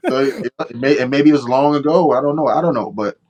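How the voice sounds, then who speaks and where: A man's voice: mid-range voice, fast talker, a little mellow. A man hosting a casual podcast chat, talking in a laid-back, thoughtful way with plenty of slang. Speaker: podcast host.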